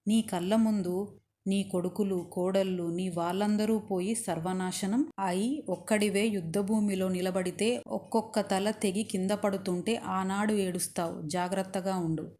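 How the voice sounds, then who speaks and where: A woman voicing a steadfast captive queen who scolds and lectures her captor, in a warm, mellow voice. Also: medium pitch, close to an everyday voice.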